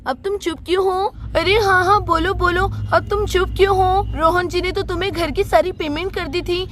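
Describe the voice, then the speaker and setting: A woman's voice: very high voice, steady tone, moderate pace, a bit bright. A woman doing a bossy scolding young woman. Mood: accusing. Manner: scolding, interrogating. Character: sharp-tongued young woman, bossy and accusing. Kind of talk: doll play storytelling.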